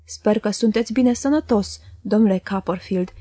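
Woman reading a solemn, formal clerk in a storybook, ceremonious, mellow, dry close sound. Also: mid-range voice, dry recording, natural voice. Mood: grave. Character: grave, formal middle-aged male clerk.

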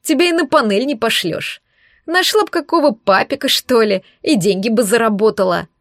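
A woman voicing a drunk, crude husband who slurs, shouts and sneers in an audiobook reading. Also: on the high side, lively intonation, moderate pace, dry recording, clean studio sound. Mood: drunk, abusive. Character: drunk crude bullying husband, adult man.

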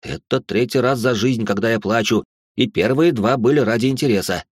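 A man narrating a story in the first person, tense and expressive, breaking into outbursts, close to the mic. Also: medium pitch, brisk, slightly rough, dry recording.

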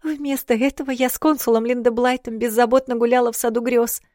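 A delicate young princess with a high, eager voice that spills over in breathless, fretful chatter, as an audiobook reader puts her on. She sounds sweet and easily upset, her words tumbling out quickly. The take is close and dry, with no room around it. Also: steady tone, darkish tone, no echo, close to an everyday voice. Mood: guilt-ridden. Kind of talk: audiobook character voice.

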